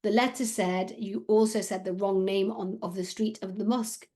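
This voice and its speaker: A woman reading aloud, voicing a quiet, thoughtful schoolboy in a subdued way. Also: medium pitch, fairly even intonation, normal speed, natural voice.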